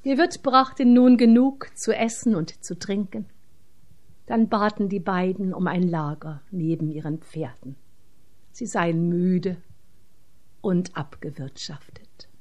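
A woman's voice: lowish voice, takes it slowly, a little mellow. A woman reading a religious story aloud, often dropping into an unvoiced whisper.

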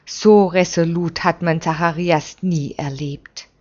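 Slow, low-voiced woman reading a story. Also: fairly even intonation, darkish tone. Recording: dull lo-fi recording.

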